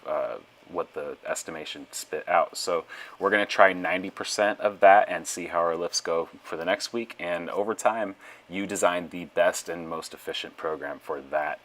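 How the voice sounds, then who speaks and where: A man speaking in a monotone voice-over, explaining a lifter's form as her strength coach. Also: low voice, moderate pace. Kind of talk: voiceover commentary.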